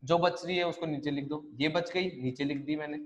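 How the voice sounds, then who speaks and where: A man teaches an online math class, talking the students through each step. His voice sits a little high for a man. He keeps asking the class questions and answering them himself, repeating the key rules. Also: steady tone, a little fast, muffled recording. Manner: repetitive, step-by-step explaining with rhetorical questions.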